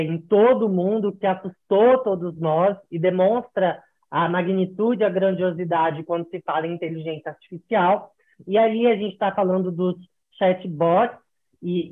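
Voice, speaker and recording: An interviewer asking a guest questions in a formal way on a live stream, heard over a phone line. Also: mid-range voice.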